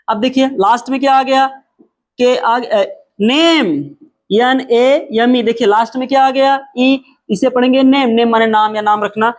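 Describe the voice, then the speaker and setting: Emphatic male teacher drilling words slowly. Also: very high voice. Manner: repeats example words slowly and drawn out, asks and answers his own questions; emphatic, animated explaining. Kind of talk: spoken pronunciation lesson.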